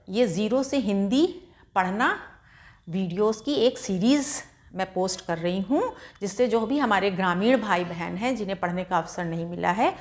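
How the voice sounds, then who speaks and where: Patient woman teacher going real slow, sounding out syllables then blending them into words, kinda high voice, asks the class questions. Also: a bit bright. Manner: encouraging, asks the learners questions. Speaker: Hindi reading teacher. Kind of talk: slow, patient spelling-out lesson.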